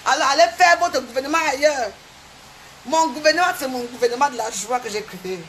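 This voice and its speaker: A woman's voice: high voice, a little fast, a little hiss or hum. A woman on a livestream, boasting and mocking her rivals in a repetitive, taunting rant. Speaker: social media livestreamer.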